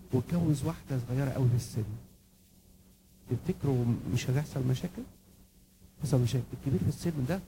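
A man with an Egyptian accent delivers a church lecture at a brisk clip, in a voice that sits a little high. He keeps throwing questions to the audience and answering them himself. Faint noise is heard behind him. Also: darkish tone, low-quality recording. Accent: Egyptian Arabic. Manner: quizzes the audience and answers his own questions. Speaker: church speaker.

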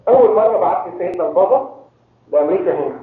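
Egyptian priest preaching, quick and high-voiced, keeps quizzing the crowd; heavy echo, phone-thin sound. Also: male voice, animated. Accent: Egyptian Arabic. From Egypt (Cairo). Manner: quizzes the audience with rhetorical questions. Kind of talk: sermon to a congregation. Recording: very echoey tinny phone-like hall recording.

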